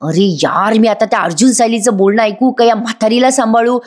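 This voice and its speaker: A woman's voice: on the high side, a little fast, darkish tone, lightly acted. Snappy rude young woman, annoyed and insolent, a woman reading her lines. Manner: irritated, insolent.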